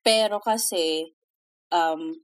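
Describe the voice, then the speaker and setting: A woman's voice: fairly low pitch, drawn-out words. Young woman from leyte, podcast host, rambly casual chat, lots of "ano" and "ganyan". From Leyte, Philippines. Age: young adult. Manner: chatty, mixes English into Tagalog, many fillers.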